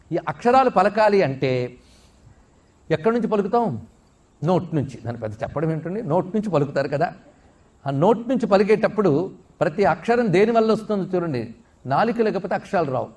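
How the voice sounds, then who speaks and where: High-voiced man giving a spiritual discourse. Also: darkish tone. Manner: explains with rhetorical questions and answers; chants Sanskrit verses slowly. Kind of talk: religious discourse.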